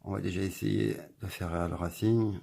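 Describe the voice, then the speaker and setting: A man casually reviewing a budget phone at home, talking in a relaxed, rambling way with lots of fillers. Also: deep voice, normal speed, creaky. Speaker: tech reviewer.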